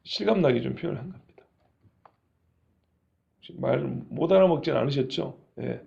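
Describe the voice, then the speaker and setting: A male pastor preaching a lively sermon, often putting questions to the congregation. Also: medium pitch, normal speed, creaky, highs cut off.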